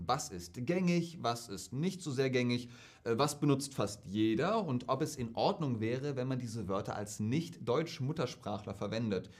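Brief: young German man, casual chatty Q&A host, lively, mid-pitched voice. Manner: lively, chatty, acts out quoted speech. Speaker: German tutor answering viewer questions. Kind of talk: casual Q&A vlog.

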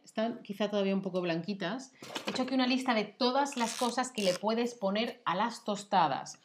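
Spanish woman host, casual chat, patient teacher-like explaining, mid-pitched. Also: slight background noise. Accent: Spain Spanish. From Spain. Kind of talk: casual chat with a language lesson.

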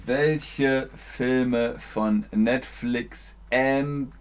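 A man from Germany teaching German on a livestream, explaining slowly, clearly and patiently. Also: medium pitch, steady tone. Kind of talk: livestream language lesson.

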